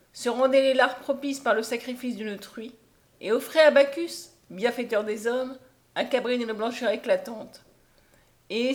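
A woman reading a literary novel aloud as an audiobook, in a measured and expressive way. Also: on the high side. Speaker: audiobook reader.

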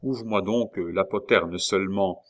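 Reading an audiobook, a man with a low voice lifts his delivery above his narration to play a sarcastic male royal jester-envoy. The character comes across as impatient, sharp-tongued, and exasperated, performed at a moderate pace with light acting.

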